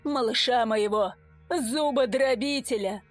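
A woman's voice: a little high, unhurried, faint music behind, close to an everyday voice. A woman voicing a big, tearful businessman and ex-convict gamer who bellows in prison slang. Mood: sobbing. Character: burly sobbing businessman, ex-convict gamer, man.

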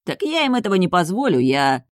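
A woman reading the part of a young male dragon duke in an audiobook, hurried and commanding. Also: on the low side, very animated, no echo, clean studio sound. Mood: dismissive. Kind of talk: audiobook character voice.

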